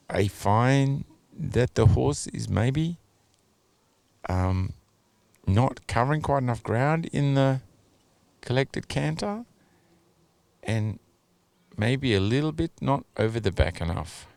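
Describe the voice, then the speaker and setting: A man giving measured, analytical commentary on a dressage test over video, hedging his judgments with "you know" and "a little bit". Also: medium pitch, expressive, vocal fry, darkish tone, dry recording.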